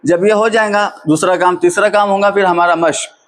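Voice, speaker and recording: A high-voiced man drilling a class. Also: steady tone, normal speed, fairly bright tone. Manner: patient question-and-answer drilling. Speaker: teacher trainer. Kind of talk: classroom teaching demonstration.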